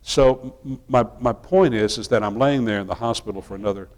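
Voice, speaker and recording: A middle-aged male minister telling a personal story in a relaxed, folksy sermon style, often restarting his sentences. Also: mid-range voice, brisk.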